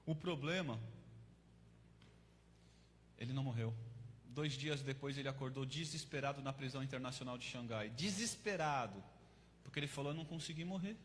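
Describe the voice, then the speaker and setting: A man, a guest speaker at a church missions service, telling a story in a lively, colloquial way and addressing listeners as brothers. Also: mid-range voice, normal speed, long pauses. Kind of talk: sermon testimony storytelling. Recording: long church hall reverb, faint noise.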